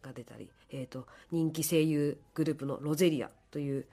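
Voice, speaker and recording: A woman with a hoarse, fairly low voice gives polite explanations on the radio. She talks fast, in the manner of a producer announcing an event. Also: dark tone. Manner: apologetic, polite. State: hoarse from drinking.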